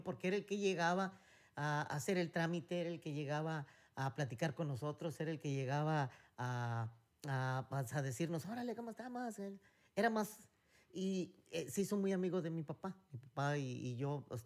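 A man's voice: a little high, brisk. A middle-aged man with a Mexican accent, co-hosting a casual chat and rambling through stories with many fillers and restarts. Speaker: podcast co-host.

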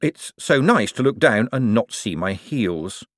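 A man playing a quick-witted male former con man who talks dryly and wryly. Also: medium pitch, very animated, dry recording. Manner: dry, wry.

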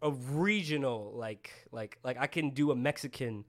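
A young man co-hosting a casual podcast chat, joking loudly and laughing often. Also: mid-range voice, normal speed. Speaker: podcast co-host.

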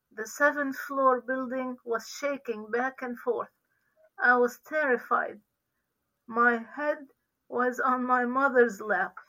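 A woman's voice: fairly high pitch, pushed and bright, low-quality recording. A middle-aged woman from Lebanon, a guest giving an earnest, careful faith testimony.

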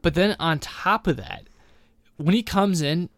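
A man's voice: a little high, lively intonation, unhurried, a bit bright, no room sound. A man co-hosting a podcast in casual chat, ranting animatedly with many restarts. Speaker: podcast co-host.

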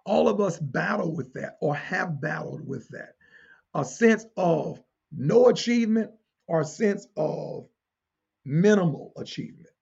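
A preacher delivers a teaching sermon in a high-set, slightly mellow voice that is markedly hoarse-edged and full of gravelly creak, with lively intonation. He is deliberate and emphatic, circling back to key phrases and putting questions to his listeners. The recording sounds somewhat dull.

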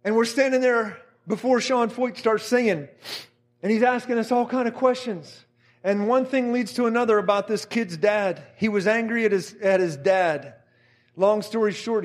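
A middle-aged man with a high voice preaches by telling a story. He is animated and mimics the people he describes, bringing their words to life as he goes. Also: moderate pace. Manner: animated, acts out quotes of others. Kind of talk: sermon storytelling.

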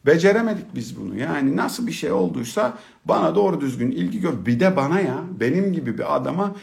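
Lively gravelly-voiced middle-aged man telling stories. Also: on the high side, fast. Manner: expressive, humorous, colloquial, swings from hushed to excited. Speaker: speaker telling a personal story about fatherhood. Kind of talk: storytelling talk.

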